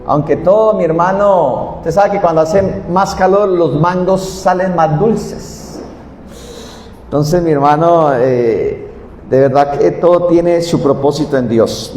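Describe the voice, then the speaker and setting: A high-voiced male pastor preaching at a church service, his voice ringing through a reverberant hall. He shifts from loud, repeated declarations to calm, conversational teaching. Faint room noise hangs in the background. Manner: often says "mi hermano". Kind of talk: sermon. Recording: echoey hall, some distance from mic.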